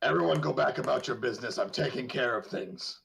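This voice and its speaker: A man plays a gruff werewolf boss in a tabletop game, brushing off his underlings with offhand authority. The voice has a gravelly creak and an unhurried, casual delivery. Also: medium pitch, expressive, a bit bright, a little hiss or hum, voice pushed down. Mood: bluffing, casual. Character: dead werewolf puppeted as a casual gang boss.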